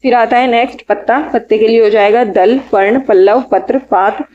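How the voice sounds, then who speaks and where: A woman teaching exam vocabulary, listing synonyms in short bursts and adding quick study tips. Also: on the high side, fairly even intonation, narrow, tinny audio. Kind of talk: reading out synonym lists for an exam lecture.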